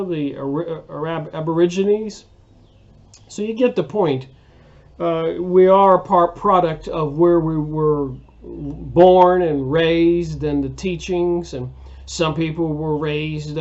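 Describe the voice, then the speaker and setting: A man's voice: fairly high pitch, darkish tone, muffled recording. A man hosting a casual book review monologue, rambling and hesitant with many fillers and restarts. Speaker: video host reviewing books.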